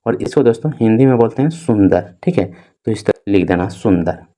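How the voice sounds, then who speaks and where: A young man with a lowish, mellow voice and lively intonation leads an English reading lesson. He lingers over each letter as he spells, peppering his talk with "theek hai" and "dosto."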